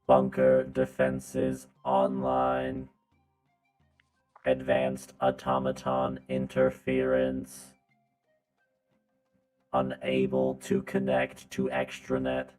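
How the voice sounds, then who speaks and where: A man's voice: rumbling low, completely flat delivery, drawn-out words, pauses often, darkish tone, faint music behind, exaggerated voice, poor audio. A man playing a glitching robot drone. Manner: glitching robot, stuck repeating "error". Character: malfunctioning robot drone, monotone, repeating errors. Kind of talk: tabletop game voice acting.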